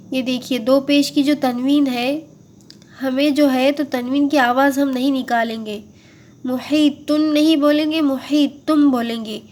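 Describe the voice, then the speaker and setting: A woman teaching Quran recitation in a patient, step-by-step tajweed lesson, drawing out words slowly as models and then explaining them. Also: high voice, a little hiss or hum. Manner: slow, drawn-out model recitation between explanations; patient, repeats and checks understanding.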